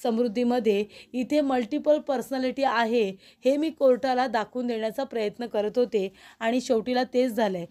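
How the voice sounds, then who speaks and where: A woman's voice: on the high side, normal speed, few pauses, mellow, close to an everyday voice. A woman reading a determined young woman lawyer. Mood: earnest.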